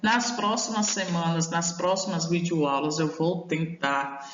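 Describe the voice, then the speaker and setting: A Brazilian Portuguese woman teacher speaks very slowly and deliberately, stretching each word out for young pupils. Her voice carries a long, echoing room reverb, and the sound is dull and muffled. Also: lowish voice, steady tone, slight background noise. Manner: slow, deliberate, sounding out words one by one; affectionate toward young pupils. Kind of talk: recorded primary-school video lesson. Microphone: voice-over off camera.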